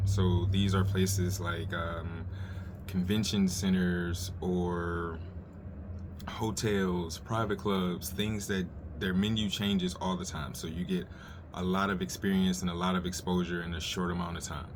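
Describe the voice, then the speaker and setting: A middle-aged man, an experienced chef, giving blunt, informal advice in a casual, sweary, unscripted rant. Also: sits low. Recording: clear ambient background noise.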